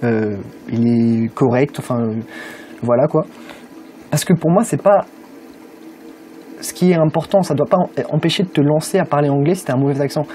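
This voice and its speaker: A man's voice: on the high side, moderate pace, long pauses, mellow, a little hiss or hum. A young man from France giving a casual motivational talk to camera about learning English, informal and full of hesitations. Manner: informal, many "euh" fillers, speaks directly to viewer.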